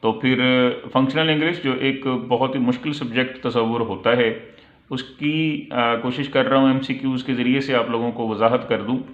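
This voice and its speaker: A man teaches English online, going through multiple-choice questions at a patient, measured pace. He reads each English phrase slowly before explaining it. The audio is tinny and phone-like, with a roomy echo. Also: medium pitch, fairly even intonation.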